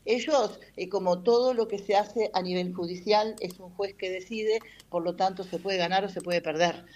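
A woman's voice: medium pitch, steady tone, normal speed, a little mellow. A woman explaining a legal matter in an interview, hesitating often with fillers. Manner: explanatory, many hesitations with "este". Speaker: patronato representative. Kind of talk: radio-style interview answers.

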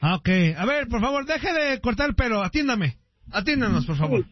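High-voiced teasing radio host man. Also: expressive, moderate pace, husky. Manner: teasing, loud, swears freely. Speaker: radio host taking calls. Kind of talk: joking crude radio banter. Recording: dull radio broadcast sound.

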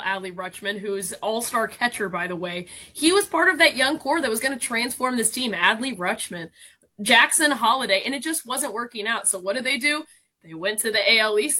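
Bright confident young woman talking baseball. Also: on the high side. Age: 20s. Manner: confident, emphatic, explains plainly. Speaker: baseball analyst guest. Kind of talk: sports radio analysis.

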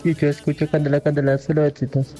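Man's flat recorded voice note. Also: on the high side, soft background music, poor audio. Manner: flat, rushed delivery. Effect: recorded voice message played on air. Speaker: radio listener sending a voice note. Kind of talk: short recorded voice message.

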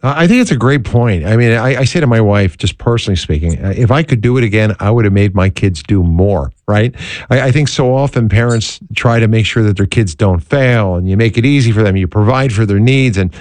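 Smooth, low-voiced radio host man. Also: a little fast, darkish tone, dry recording. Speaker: radio talk show host. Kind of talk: live call-in talk radio.

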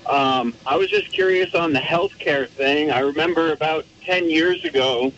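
A man from Vermont calling in to a radio show over a clipped phone line, asking his question in a hesitant, halting way. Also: on the high side, a bit bright. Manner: hesitant, halting with many pauses. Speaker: radio call-in caller. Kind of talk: casual call-in question. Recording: muffled phone line, faint hiss.

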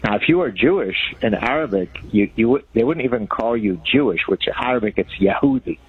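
A man's voice: medium pitch, animated, fairly quick, slightly rough, no echo, narrow, tinny audio. A man around sixty, from Lebanon, a guest author explaining his ideas in an articulate, professorial way. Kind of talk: radio interview.

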